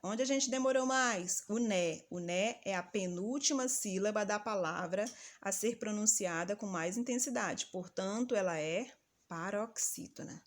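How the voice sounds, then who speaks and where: A woman teacher giving a patient, didactic lesson and calling out example words slowly and loudly. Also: medium pitch. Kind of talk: recorded grammar lesson for children.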